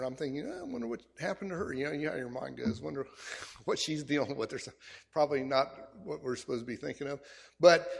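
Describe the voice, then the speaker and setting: Husky-voiced male preacher in a church hall. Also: a little high. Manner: animated storytelling, repeats words when excited. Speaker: pastor. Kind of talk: sermon. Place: church sanctuary. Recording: long reverb of a church hall.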